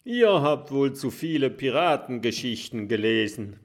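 A man's voice: medium pitch, expressive, unhurried. A man voicing a lazy, grumbling male pirate figure in a children's storybook, mocking and drowsy.

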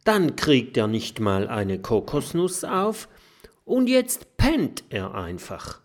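A man voicing an excitable, indignant female porcupine in a children's storybook. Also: medium pitch, takes it slowly. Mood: excited.

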